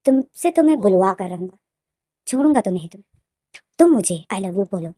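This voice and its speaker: A woman voicing a possessive, menacing young male student who talks in a soft, smug, threatening way, in a plainly read story. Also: mid-range voice, big pitch swings, brisk, dry recording, clean studio sound.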